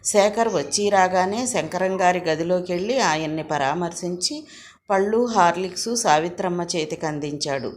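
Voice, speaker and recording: A woman narrating a novel aloud in a measured, expressive reading. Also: fairly low pitch, a little hiss or hum. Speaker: audiobook narrator.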